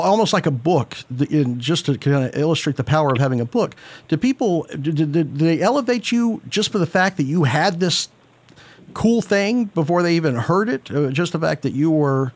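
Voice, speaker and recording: A man hosting an interview, asking long rambling questions full of restarts. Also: a little high. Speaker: podcast host. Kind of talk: casual interview talk.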